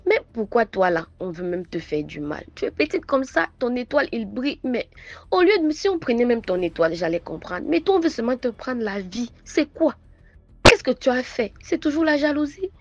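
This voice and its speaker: A woman voicing an insistent older woman healer, exclaiming high and loud. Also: moderate pace, few pauses, dry recording. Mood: indignant. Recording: dull lo-fi recording.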